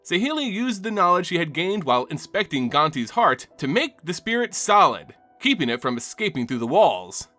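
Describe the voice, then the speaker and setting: Over soft background music, a man with a fairly high, lively voice narrates fantasy lore in a dramatic, scripted way. He hosts a fantasy game lore channel, and his pitch swings widely like an expressive storyteller's. He keeps a moderate pace with few pauses.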